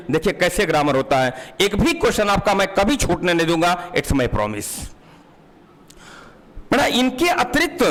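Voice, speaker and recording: A man's voice: sits high, a bit bright. A man with a Hindi accent teaching English grammar for exam prep, calling students "beta" and quizzing them with questions.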